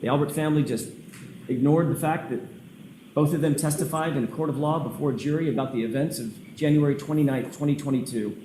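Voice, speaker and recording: A man's voice: on the high side, fast talker, dark tone. A man cross-examining a witness as a defense lawyer, pointed and insistent in his questioning. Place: large indoor courtroom. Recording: echoey courtroom feed, faint noise.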